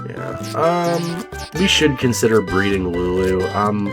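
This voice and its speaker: A man hosting a let's play, chatting casually and haltingly with lots of fillers and restarts, offhand and a bit profane. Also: on the low side, very animated, over music. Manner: rambling and hesitant, many fillers and restarts. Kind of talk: casual gameplay commentary.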